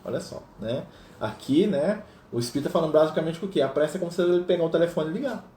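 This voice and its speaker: His voice is fairly high, expressive, fast and warm. He runs a spiritist study group, reading passages aloud in casual teaching talk and checking in often with tag questions, captured with roomy echo and faint noise.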